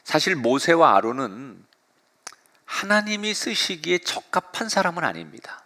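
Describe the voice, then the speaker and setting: A middle-aged male pastor preaching a sermon, retelling the story with lively, dramatic delivery. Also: on the high side, normal speed.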